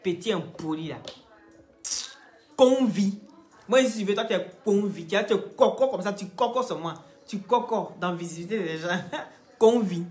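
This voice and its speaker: A woman hosting a live stream, teasing and scolding commenters in a chatty way and pitching products to viewers. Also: normal speed, a little mellow, soft background music. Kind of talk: casual live-stream chat and sales pitch.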